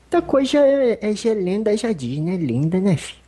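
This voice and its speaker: A medium channeling a husky old spirit elder. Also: mid-range voice, big pitch swings, normal speed, warm tone. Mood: fatherly. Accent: Brazilian. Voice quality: husky, rambling, folksy speech with fond asides. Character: old male spirit elder, humble, teasing, fatherly. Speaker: spiritual medium giving a consultation. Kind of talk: religious consultation talk.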